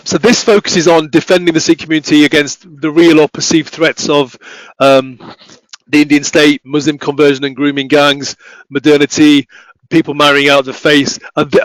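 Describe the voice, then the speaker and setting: A man giving an academic talk, speaking haltingly with many restarts and fillers. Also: fairly high pitch, no echo, low-quality recording. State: voice failing, coughing. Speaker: academic researcher presenting.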